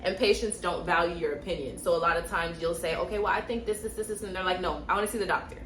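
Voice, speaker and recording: A woman's voice: on the low side, fast talker, a bit bright, roomy sound, slight background noise. A young woman from Miami, a nurse, giving direct, emphatic storytime advice and repeating points for stress. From Miami, Florida. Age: young adult. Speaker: nurse and vlogger.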